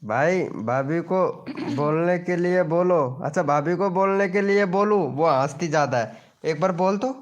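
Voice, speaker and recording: A man's voice: high voice, moderate pace, muffled recording. Jokey live streamer man. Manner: jokey, teasing, calls out to viewers by name. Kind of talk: casual live stream chat.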